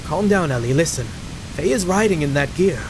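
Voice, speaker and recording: A man voicing a composed male doctor-strategist with a British accent slipping in, speaking in a measured, even way, with game music behind. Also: on the high side, background noise, natural voice. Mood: calm. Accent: British, put on.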